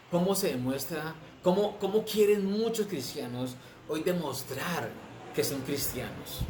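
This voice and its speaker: A man's voice: mid-range voice, a little hiss or hum. Preaching man in an echoey room. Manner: preaching with drawn-out stresses and rhetorical questions. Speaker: pastor. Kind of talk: sermon.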